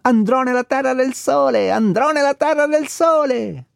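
A man voicing an eager, excitable little female elf in a storybook reading. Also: a little high, brisk, dry recording, studio quality, voice pushed up, close to an everyday voice. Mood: joyful singing.

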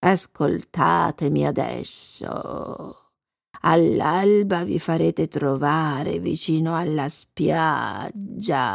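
Storybook: old frog witch, croaky, very deep, crawling pace, solemn. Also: dry recording, clean studio sound, heavily acted. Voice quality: croaky, gravelly. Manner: slow, drawn-out spell-casting delivery. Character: old female frog sorceress, scornful and solemn. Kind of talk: storybook reading.

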